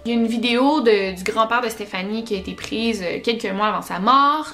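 A woman with a Québécois accent, hosting a podcast and telling paranormal stories in an animated, chatty way. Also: fairly high pitch, brisk, soft background music. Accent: Québécois French. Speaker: podcast host.

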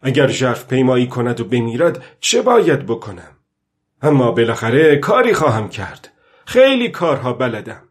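A man's voice: medium pitch, lightly acted. A man doing a weary old fisherman. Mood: worried. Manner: loud, strained, pleading with the fish. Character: weary old male fisherman talking to himself.

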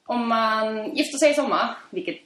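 A woman hosting a podcast, telling stories in casual chat and laughing often. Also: fairly high pitch. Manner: lively storyteller, laughs often. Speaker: podcast host. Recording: echoey room.

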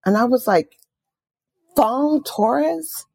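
A middle-aged woman from Oakland, California, an author and music journalist, tells stories with animated enthusiasm in a conversational interview, dropping in quoted asides. Her voice sits high and creaky, and she speaks very slowly. The studio-quality recording has no echo.

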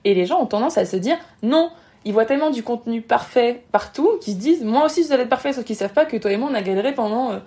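Speaking with a fairly high, expressive, warm voice, this woman is a podcast guest and Instagram marketing expert. She gives frank advice on social media at a rapid clip. Emphatic throughout, she frequently voices what others might be thinking.

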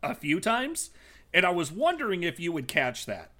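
A man's voice: high voice, huge pitch swings, moderate pace, pushed and bright. A man narrating as game master of a tabletop game, hesitant with many fillers as he explains.

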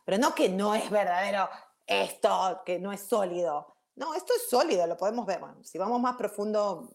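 A woman's voice: mid-range voice, lively intonation, moderate pace, gravelly. A woman giving an informal spiritual talk to viewers. She rambles with restarts, keeps checking in with 'ok?' and drops English words into her Spanish. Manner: chatty, checks in with frequent 'ok?'. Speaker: spiritual teacher.

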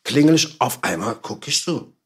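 A man with a husky, slightly breathy voice tells a story in loose street slang. He talks casually at a middling pitch and acts out what other people said. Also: normal speed. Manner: slangy and animated, swears he is not lying, acts out others' lines. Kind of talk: casual chat, telling an anecdote.

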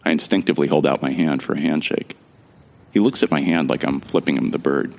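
An amnesiac man with an extremely deep voice full of gravelly fry narrates an audio drama in the first person. Observant and friendly, he delivers his lines wryly and conversationally, at a fairly quick pace with a slightly mellow tone.

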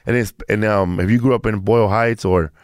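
A man's voice: on the low side, fairly even intonation, a little fast, dry recording. Fifties guy from mexico, rambly storyteller, dry close sound. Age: 50s. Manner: rambling storyteller, restarts, acts out quotes. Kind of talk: casual chat.

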